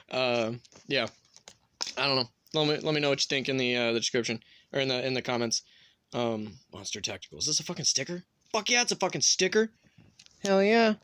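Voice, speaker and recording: A man's voice: medium pitch, a little fast, bright, forceful tone. A man vlogging casually at home, rambling in an offhand way and swearing freely. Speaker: gun vlogger. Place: indoors at home, near a bed.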